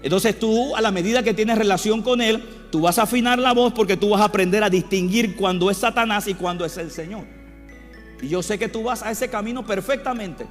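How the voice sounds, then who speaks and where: A man's voice: high voice, fairly quick. A man preaching a sermon in a church, repeating his phrases and putting questions to the congregation. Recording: reverberant hall with faint music.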